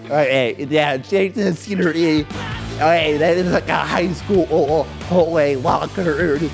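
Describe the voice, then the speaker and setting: A man co-hosting a comedy podcast in casual chat. He rambles excitedly and often restarts his sentences. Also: on the high side, takes it slowly, vocal fry, soft background music.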